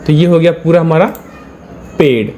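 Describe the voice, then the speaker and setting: A man teaching a lesson in a patient, step-by-step way, going back over each point and pausing to check that his students are with him. His voice sits a little high for a man. A faint hum of ambient noise runs behind him. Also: mellow. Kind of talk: step-by-step classroom explanation.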